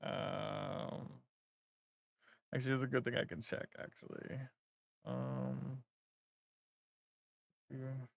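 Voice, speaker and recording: A man's voice: medium pitch, level tone, slow pace, vocal fry, pauses often, no echo, clean studio sound. A man streaming as a vtuber, chatting casually and thinking aloud while he works, rambling with lots of fillers.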